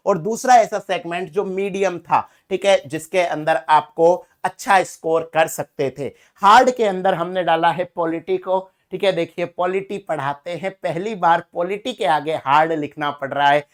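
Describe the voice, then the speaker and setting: A young man, giving a casual exam-analysis lesson as a coaching teacher. He talks in a chatty, conversational way and keeps saying "theek hai". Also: high-pitched.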